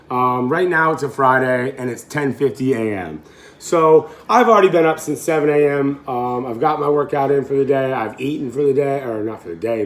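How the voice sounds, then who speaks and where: Raspy, hoarse man in his thirties. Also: mid-range voice. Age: 30s. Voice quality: raspy, throaty. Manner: informal, rambling, unscripted. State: hoarse, getting over being sick. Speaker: fitness vlogger and coach. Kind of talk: casual chat to camera.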